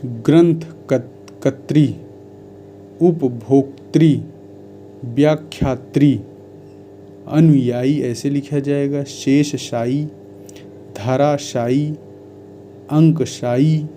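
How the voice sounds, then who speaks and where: A man teaching Hindi spelling, reading out word lists one by one in a measured dictation style. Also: mid-range voice, warm tone, slight background noise.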